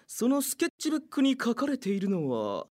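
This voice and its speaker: A man's voice: very high-pitched, huge pitch swings, a little fast, a little mellow, exaggerated voice. A man playing a vain, flamboyant teenage student actor in an anime audio drama, declaiming in a pompous, grandiose way. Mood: delighted, vain. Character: vain theatrical student actor boy, flamboyant and self-admiring.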